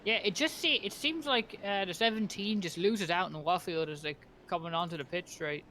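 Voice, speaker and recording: A man's voice: high-pitched, fairly quick, sharp tone. A man commentating live on a sim race as a motorsport play-by-play caller, informal and eager in his delivery. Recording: clear background noise.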